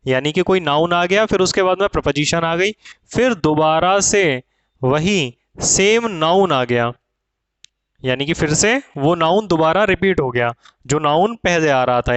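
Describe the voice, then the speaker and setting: A man's voice: high-pitched, fairly bright tone, clear, resonant tone, dry recording, poor audio. A man teaching grammar to students, asking questions and answering them himself.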